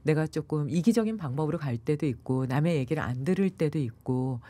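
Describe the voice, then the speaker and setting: A woman meditation and yoga expert talking on a radio show, animated and acting out the people she quotes. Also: sits low, a little fast. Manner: animated, acts out quoted voices. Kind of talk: radio talk interview.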